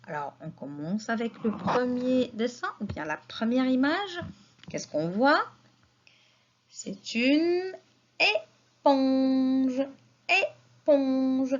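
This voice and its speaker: A woman teaching a children's spelling lesson, sounding out syllables slowly and patiently, asking questions and answering them herself. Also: medium pitch. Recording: slightly dull lo-fi audio.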